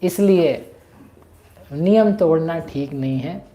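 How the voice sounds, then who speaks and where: A woman's voice: low voice, slow, mellow. A woman teaching a scripture lesson, explaining a story and chanting verses in between.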